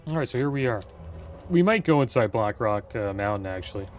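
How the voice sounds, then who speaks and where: A man's voice: on the low side, lively intonation, fairly quick. A man giving casual, informal let's play commentary as a gaming video host. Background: faint game music and sounds.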